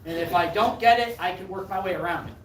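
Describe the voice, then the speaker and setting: A woman's voice: lowish voice, fast talker. A woman performing a live mind reading act, with playful, self-deprecating, off-the-cuff patter for her audience. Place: live performance venue, indoors. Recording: echoey live venue, distant mic, faint noise.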